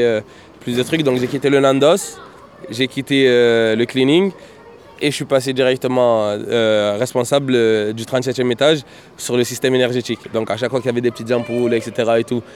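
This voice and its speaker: A man's voice: mid-range voice, slight background noise. A man telling his life story in an easygoing, rambling way, full of fillers and "et cetera", as an interviewee sitting outdoors in his neighbourhood. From Marseille, France. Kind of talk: casual storytelling.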